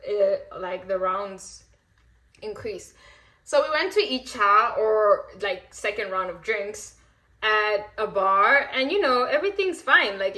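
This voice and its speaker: A woman in her twenties, from Rwanda and raised in South Africa, telling a story in a chatty, animated way and acting out the people in it. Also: medium pitch. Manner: chatty, animated, acts out quoted voices. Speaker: vlogger. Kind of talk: casual storytime while getting ready.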